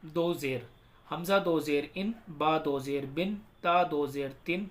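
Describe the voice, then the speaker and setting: A man teaching Quran reading, slowly drilling letter sounds one by one in a recitation lesson. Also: on the high side. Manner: slow drawn-out letter-by-letter drilling.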